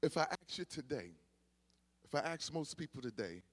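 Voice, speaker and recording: A male preacher with a high voice delivers a sermon to his congregation. He drops into quiet, conversational asides, then builds into loud, shouted exhortations. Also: sing-song, normal speed, breathy edge. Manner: swings from low murmurs to shouted exhortation. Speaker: pastor.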